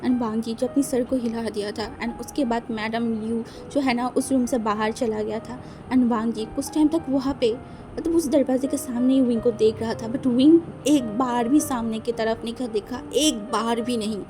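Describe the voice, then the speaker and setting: A woman's voice: a little high, steady tone, normal speed. A woman casually narrating a romance fan-fiction story, rambling with many fillers. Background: faint music.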